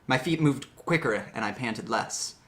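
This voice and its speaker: A man's voice: mid-range voice, lively intonation, unhurried, very noisy. Hammy, theatrical man reading dramatically. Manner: hammy stage-actor delivery. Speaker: reader of a story.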